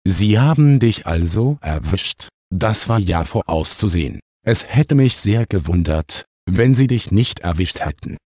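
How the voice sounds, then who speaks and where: A man voicing a fussy, cranky pet raven who scolds and croaks, in a children's audiobook. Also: on the low side, expressive, unhurried, mellow, dry recording, studio quality. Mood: smug. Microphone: close studio mic, dry.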